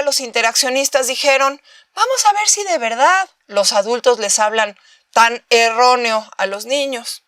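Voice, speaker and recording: Higher-pitched Mexican woman lecturing. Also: a bit bright, no echo, clean studio sound. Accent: Mexican Spanish. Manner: explanatory, with rhetorical questions and acted examples of baby talk. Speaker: university lecturer. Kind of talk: recorded master class lecture.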